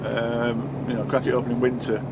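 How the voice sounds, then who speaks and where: A middle-aged truck driver with a blocked nose chats to camera from his cab while driving, rambling and correcting himself. His mid-range voice is monotone, brisk and has vocal fry, with loud road noise behind him.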